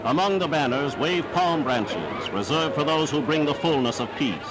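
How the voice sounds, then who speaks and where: A man's voice: a little high, animated, moderate pace, a loud crowd, very noisy. A man reading scripted 1940s newsreel narration in a formal, declamatory manner on a period soundtrack.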